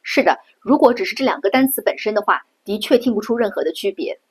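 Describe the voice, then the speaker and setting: A middle-aged woman from China giving a patient pronunciation lesson, slowing down and repeating sounds to show them. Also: mid-range voice, expressive, slightly rough. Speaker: Japanese language teacher.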